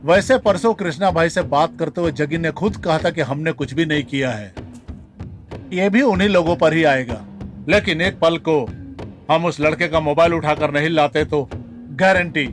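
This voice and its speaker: A man's voice: fairly high pitch, moderate pace, close to an everyday voice. A man dubbing a brash, dismissive gang member in a Hindi-dubbed action film. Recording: dubbed dialogue over film music.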